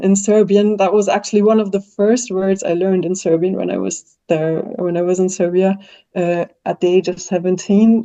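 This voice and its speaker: Her voice sits in the mid range and sounds mellow. She is a German-speaking linguist with a German accent, responding reflectively to interview questions with plenty of fillers and restarts, and the sound quality is dull and lo-fi.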